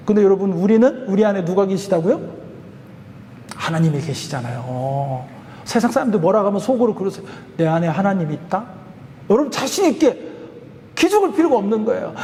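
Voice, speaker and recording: A man preaches in a church, his voice high and bright as he spins a story in an easygoing, animated way. His words ring out in a long church reverb over a faint background hiss. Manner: chatty, animated storytelling with laughs. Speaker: pastor. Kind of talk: sermon storytelling. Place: church sanctuary.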